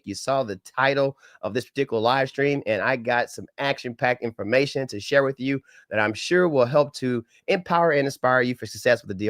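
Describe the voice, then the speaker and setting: The voice is a man's, medium-pitched and fairly bright, with no echo and clean studio sound. Middle-aged and fighting a head cold that leaves him slightly crackly and nasal, this government contracting trainer hosts a live-stream from his Dallas home setup, folksy and upbeat, greeting people like a preacher.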